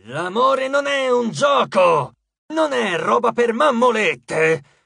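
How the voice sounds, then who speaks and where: A man voicing an invisible male god of love who mocks and torments, speaking slowly and drawing out his words. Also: high-pitched, animated, fairly bright tone, slightly rough, no echo, studio quality, exaggerated voice. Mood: taunting. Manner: slow, drawn-out, taunting delivery.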